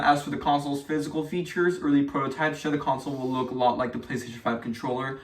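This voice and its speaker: A man's voice: medium pitch, distant mic. A man chats his way through a weekly news roundup, reads articles aloud and keeps breaking off to restart his sentences. He sounds a bit off the mic in an echoey room. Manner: rambling with many fillers and restarts. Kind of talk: casual news chat, reading articles aloud.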